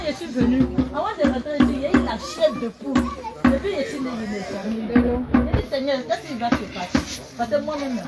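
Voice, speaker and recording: A woman giving an emotional, halting church testimony. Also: a little high. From Ivory Coast. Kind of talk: spoken testimony. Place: church gathering. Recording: loud crowd and noise.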